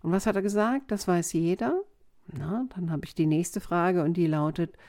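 Woman, communication coach, podcast monologue, lowish mellow voice, calm and explanatory. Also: moderate pace. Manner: calm, explanatory, frequent "ne?" tag questions.

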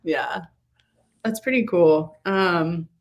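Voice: mid-range voice, drawn-out words. A podcast host in a casual interview, affirming the guest and often laughing along.

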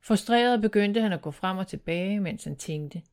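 A woman narrating a children's storybook in a calm, measured reading voice. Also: medium pitch.

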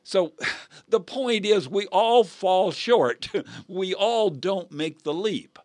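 A man's voice: sits high, lively intonation, slow, darkish tone, no room sound. Earnest preaching man on dry radio. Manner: earnest preaching with frequent laughs. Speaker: pastor and radio co-host. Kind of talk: radio Bible teaching talk.

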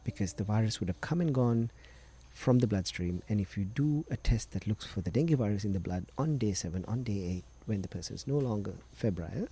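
A man's voice: fairly low pitch, animated, a little fast, mellow, breathy edge. A middle-aged man from Sri Lanka, a doctor patiently explaining medical matters as a guest on a podcast interview.

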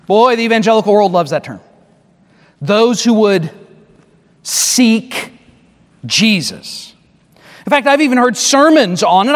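A man preaching a sermon as pastor, emphatic, often restarting phrases and slowing down to stress a point. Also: very high-pitched, a bit bright. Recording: long hall reverb.

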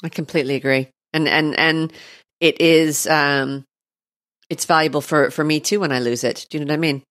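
A woman's voice: low voice, steady tone, normal speed, fairly bright tone. A woman, co-hosting a podcast and responding in an agreeing, encouraging way. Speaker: podcast co-host. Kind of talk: casual chat.

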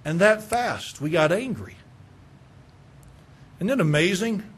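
A man pastor preaching a sermon, asking the listeners rhetorical questions and repeating words as he builds each point, moving between hushed lines and raised ones. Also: high-pitched, expressive, slow pace, breathy edge.

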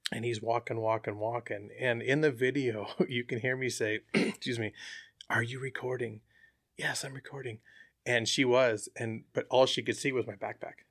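A man telling a hunting story as an interview guest, relaxed and chatty with frequent fillers. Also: medium pitch, normal speed, few pauses, no room sound, clean studio sound. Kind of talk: casual storytelling.

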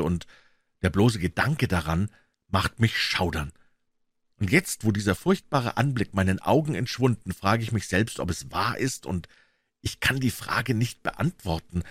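A man reading a classic story aloud as audiobook narration, in a dramatic, expressive way. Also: sits low, husky, dry recording, clean studio sound. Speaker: audiobook reader.

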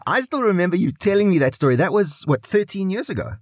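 A man's voice: high voice, very animated, fast talker, a crowd in the background. A man, bantering emphatically as a podcast co-host. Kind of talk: casual chat.

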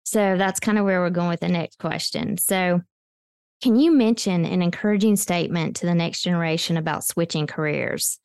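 A woman's voice: fairly low pitch, normal speed, creaky, a little mellow, clean tone, no room sound, studio quality. A woman co-hosting an interview podcast, friendly and chatty. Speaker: podcast co-host.

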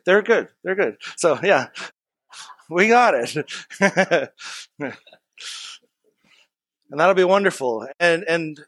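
A man's voice: a little high, a bit bright, no echo, clean studio sound. A man preaching to a congregation in a church, in a chatty, folksy way with stories and asides. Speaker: pastor. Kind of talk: conversational sermon.

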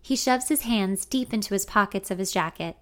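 A young adult woman narrating a first-person story in an intimate, expressive way. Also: mid-range voice, fairly quick.

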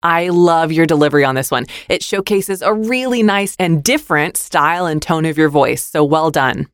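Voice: medium pitch, expressive, moderate pace, clean tone, no echo, studio quality. A podcast host giving friendly, constructive feedback on voice demos, with casual fillers. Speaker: podcast host, demo reviewer. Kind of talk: instructional podcast critique.

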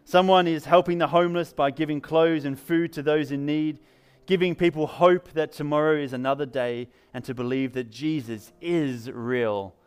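Preaching at a church service, a pastor from England shares stories in an upbeat, conversational way with his English accent. His slightly high voice has a clean tone and fairly even intonation, at a moderate pace with few pauses.

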